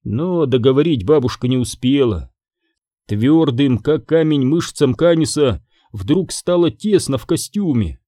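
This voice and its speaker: A man narrates a fairy-tale adventure with a lively, widely moving voice. His tone is dark and mellow, and the close, dry recording has no room sound. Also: mid-range voice, unhurried, dry recording. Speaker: audiobook reader. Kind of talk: storybook narration.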